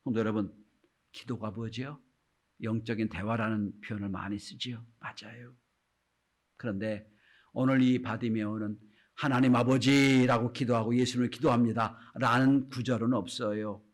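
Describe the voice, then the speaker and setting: With a mid-range voice, fairly even intonation and a moderate pace, a man preaches as pastor to his congregation. He often turns to address them, his delivery alternating between loud calls and hushed whispers.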